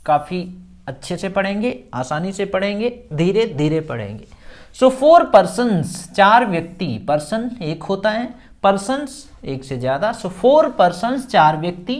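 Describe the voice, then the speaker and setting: Slow, patient Indian woman teacher. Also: mid-range voice. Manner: reads English phrases slowly, explains each in Hindi. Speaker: English teacher. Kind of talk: newspaper reading lesson.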